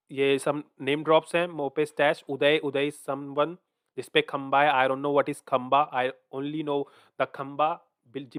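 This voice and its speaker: A man hosting a casual music reaction, thinking out loud, switching between Hindi and English and repeating lines back to himself. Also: on the high side.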